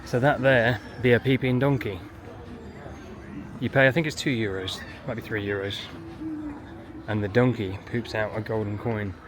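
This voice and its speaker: A parent vlogging a family outing walks through a theme park, sometimes stepping into small buildings, narrating casually. The voice is medium-pitched and fairly even, at a moderate pace with long pauses. Loud music plays behind the outdoor park ambience.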